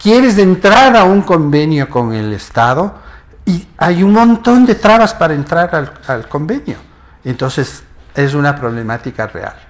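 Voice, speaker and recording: A man's voice: a little high, very animated, unhurried. A man appearing as a geneticist guest on a TV interview, giving earnest, step-by-step explanations.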